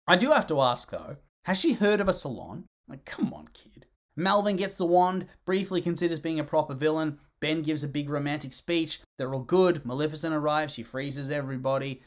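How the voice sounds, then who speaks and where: A movie review channel host giving casual commentary, blunt and sarcastic, who swears freely and swings between gushing excitement and mocking disgust. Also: mid-range voice.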